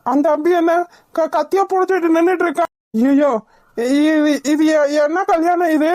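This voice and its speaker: A woman's voice: very high-pitched, fairly even intonation, normal speed, a little mellow, dry recording. A woman voicing a timid, talkative male wedding priest in a cartoon, whiny and flustered. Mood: panicky. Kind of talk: cartoon voice acting.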